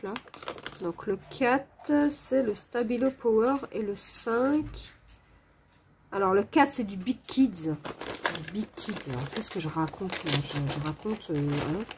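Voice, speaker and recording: A woman's voice: medium pitch, a little mellow, slight background noise. Apologetic French woman with a cold. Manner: apologetic, chatty, many fillers and hesitations. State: sick with a cold, coughing. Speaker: coloring video creator. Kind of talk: casual talk while coloring. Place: home.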